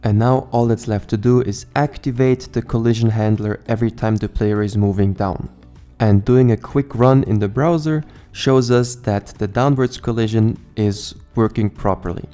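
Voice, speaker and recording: Calm man narrating a coding tutorial. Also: lowish voice, moderate pace, faint music behind. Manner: calm, methodical step-by-step explaining. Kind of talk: scripted screencast narration.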